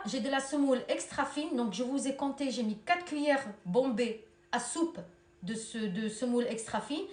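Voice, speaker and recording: A woman with a Tunisian accent hosting a casual cooking tutorial at home, talking warmly to viewers as if to her own daughters and children. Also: sits high. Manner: chatty, addresses viewers as girls and children. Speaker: cooking channel host. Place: home kitchen. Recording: echoey kitchen with faint noise.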